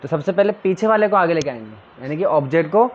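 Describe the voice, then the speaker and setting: A man's voice: a little high, animated, fast, muffled recording. A male teacher giving a classroom grammar lesson, drilling his students with questions and answers.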